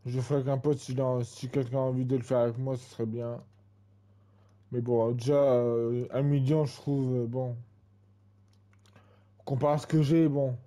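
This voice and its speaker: A man's voice: medium pitch, level tone, normal speed, long pauses, warm tone. A man in his twenties giving casual gameplay commentary, rambling and full of fillers and repeated tags. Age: 20s. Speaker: gaming channel host.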